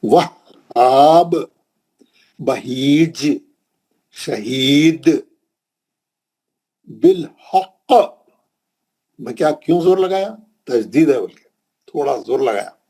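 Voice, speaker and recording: A mid-range, gravelly voice, mellow and a bit rough, belongs to a man from India whose accent is Hyderabadi Urdu. He patiently leads a Quran recitation class as a classroom lesson, repeating himself and checking in with the students.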